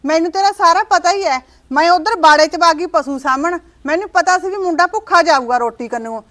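A woman acting as a sharp-tongued mother-in-law who scolds without pause, her voice high and her words rattling out fast. It is a short-film drama with a domestic setting. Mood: scolding. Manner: scolding, nagging.

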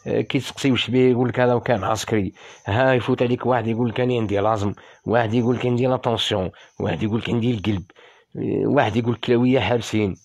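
Fast, impassioned Algerian man. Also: mid-range voice, fairly even intonation, darkish tone. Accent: Algerian Arabic. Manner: emotional, pleading and indignant, repeats phrases. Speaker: former soldier speaking on a livestream. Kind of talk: impassioned live-stream appeal.

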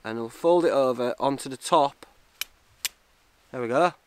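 A man's voice: mid-range voice, moderate pace, a little hiss or hum. A man in his thirties with a Northern English accent, chatting casually for a camping vlog and muttering asides as he works outdoors. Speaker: wild camping vlogger. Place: outdoors in woods by a ruined brick building.

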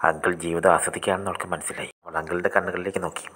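A man narrating a scripted short story in a brisk reading that often slides into a breathy half-whisper. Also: low voice, little pitch movement, a bit bright.

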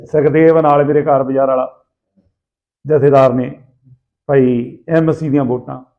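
A man with a Malwai Punjabi accent casually telling anecdotes in rough, earthy, animated banter, acting out people's dialogue. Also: medium pitch, measured pace. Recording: tinny, phone-like narrow sound.

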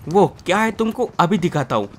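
A man's voice: sits high, very animated, a little fast, very noisy. A man giving playful, roasting voice-over commentary on his gameplay. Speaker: gaming YouTuber.

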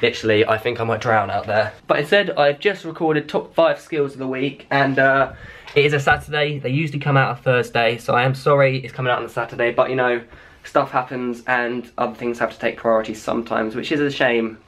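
A man's voice: mid-range voice, steady tone, fairly quick, a bit bright. Casual young British male vlogger. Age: young adult. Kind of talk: casual vlog chat. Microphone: handheld camera at arm's length.

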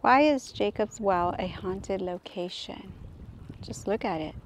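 A woman vlogging outdoors on a hiking trail, chatting casually and breaking into excited exclamations and hushed whispers. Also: mid-range voice, a little slow, a little hiss or hum. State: out of breath. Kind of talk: casual walking vlog.

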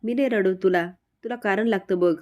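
A woman's voice: mid-range voice, a little fast, darkish tone, natural voice. A woman voicing a moody, teasing brother. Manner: playful, bargaining, dramatic. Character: moody grown man, teasing, stubborn brother.

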